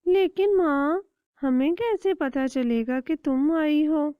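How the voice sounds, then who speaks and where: A woman voicing a clever, bold little chick in a cartoon, asking sharp questions. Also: sits high, dry recording, voice pushed up, close to an everyday voice. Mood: suspicious. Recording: dull dry lo-fi recording.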